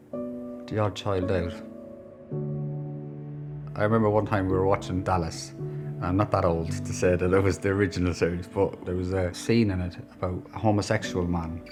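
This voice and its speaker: A man's voice: sits low, fairly even intonation, moderate pace, pauses often, music in the background. A man with an Irish accent, reflecting candidly on his life in a documentary interview. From Ireland.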